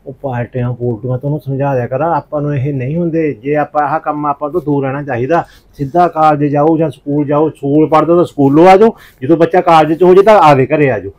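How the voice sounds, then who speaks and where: A man's voice: fairly high pitch, steady tone, fast talker, few pauses, darkish tone, lightly acted. A middle-aged man, playing a stern village father who lectures his wife. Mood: lecturing. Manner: lecturing, complaining husband. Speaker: father of a college girl. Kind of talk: village family drama acting. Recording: slightly dull lo-fi recording.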